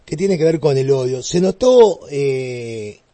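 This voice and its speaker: A very dark, warm-toned man co-hosts a radio show in a dry studio. He addresses the guest formally, setting up a pointed question. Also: mid-range voice, expressive, slow, dry recording. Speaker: radio co-host. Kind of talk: radio interview.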